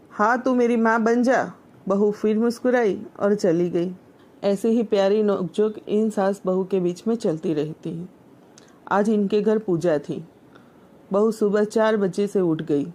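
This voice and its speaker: A woman host narrating a family story in an even, gentle storytelling manner. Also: medium pitch.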